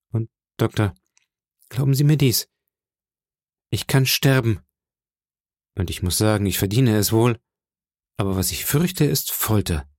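A man's voice: medium pitch, a little mellow, dry recording, clean studio sound, natural voice. A man voicing an honest, frightened teenage cabin boy who pleads earnestly in an audiobook reading.

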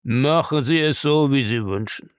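A man reading aloud and voicing a gruff, menacing old castle owner who grumbles slowly. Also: mid-range voice, dry recording, clean studio sound, voice pushed up, lightly acted.

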